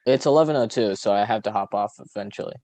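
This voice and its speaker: A man's voice: fairly low pitch, fast, background noise. A young man co-hosting a casual podcast, dropping dry, teasing quips at his friend. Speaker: podcast co-host.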